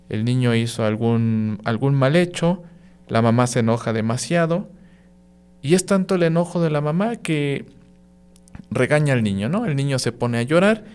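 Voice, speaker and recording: A priest giving a spoken reflection on a radio podcast, explaining with everyday examples and often checking in with "¿no?" and "¿sí?". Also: male voice, mid-range voice, darkish tone, clean tone. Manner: frequent "¿no?" and "¿sí?" tag questions.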